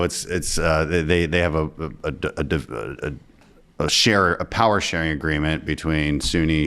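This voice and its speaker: Deep-voiced man hosting a casual interview. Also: fairly bright tone. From United States. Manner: conversational, stumbling restarts, chuckles. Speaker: host.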